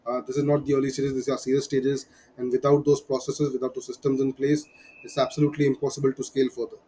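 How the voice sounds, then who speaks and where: A man's voice: mid-range voice, little pitch movement, fast talker, warm tone, a little hiss or hum. A man with an Indian accent giving an explanatory lesson as a business advisor, emphatic and prone to repeating his key points. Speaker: business advisor teaching startup fundraising.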